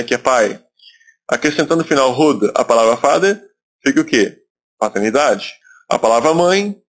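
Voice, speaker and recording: A man from Brazil teaching English in a recorded video lesson, explaining step by step and repeating words for emphasis. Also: mid-range voice.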